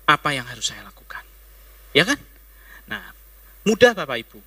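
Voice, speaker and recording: A man's voice: mid-range voice, big pitch swings, normal speed, sharp tone, slightly rough. A man preaching a sermon in a conversational way, talking straight to the congregation and now and then dropping his voice to a near-whisper. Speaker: pastor.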